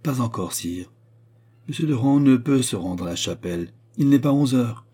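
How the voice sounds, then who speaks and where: A man's voice: mid-range voice, lively intonation, moderate pace, warm tone, slightly rough, voice pushed up. A man reading aloud as a solemn baron who respectfully but firmly presses his accusation before the king. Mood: insistent. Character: grave, deferential scheming minister, a baron. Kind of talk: audiobook character reading.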